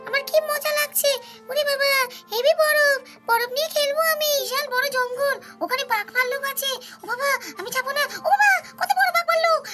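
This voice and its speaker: Sleep-talking little cartoon girl, woman doing it: very high pitch, quick babble, music bed. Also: sharp tone.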